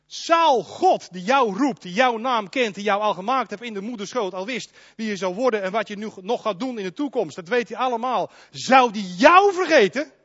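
A man preaching a sermon in a church, emphatic and animated, speaking straight to his congregation. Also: high-pitched, normal speed, few pauses, no echo, dull audio. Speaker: pastor.

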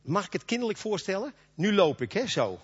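A man's voice: sits high, sing-song, a little fast, slightly rough. A man preaching a sermon in a folksy, conversational way, acting out little quoted dialogues. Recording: dull lo-fi recording.

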